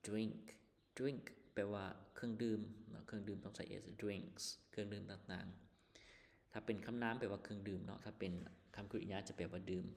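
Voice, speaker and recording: Lao-male teacher, slow and gravelly, patient, repeats every word. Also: on the low side, big-room sound. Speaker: English teacher. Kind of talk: vocabulary lesson explanation.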